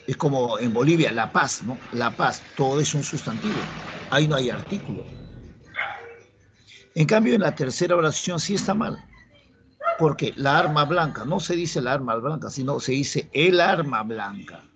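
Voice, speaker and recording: Speaking at a moderate pace in an animated, medium-pitched voice, a man from Peru teaches grammar in a classroom, going step by step and checking in with students through questions. The background is noisy.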